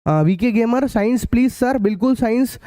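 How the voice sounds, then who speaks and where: A young man with a North Indian accent teaching a live online maths class in a chatty way. He repeats key phrases slowly and calls his students beta and bhaiya. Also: very high voice, warm tone, no echo, clean studio sound. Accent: Hindi-speaking north India, local card-game terms. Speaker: maths tutor.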